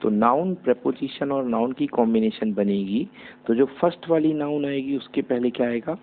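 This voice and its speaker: A man's voice: medium pitch, moderate pace. A male teacher giving a grammar lesson, asking his pupils questions and then answering them himself. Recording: tinny phone-like audio with hum.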